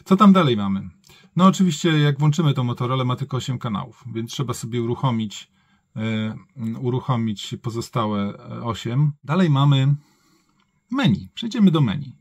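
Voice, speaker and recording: Gravelly, husky man reviewing a gadget casually. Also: mid-range voice, expressive, moderate pace, dry recording. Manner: thinks aloud, colloquial, often self-correcting. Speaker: product reviewer.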